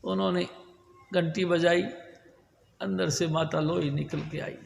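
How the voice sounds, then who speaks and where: A man's voice: fairly high pitch, steady tone, unhurried, vocal fry. A man preaching a devotional sermon, telling a story earnestly to a congregation. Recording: echoey hall with long reverb.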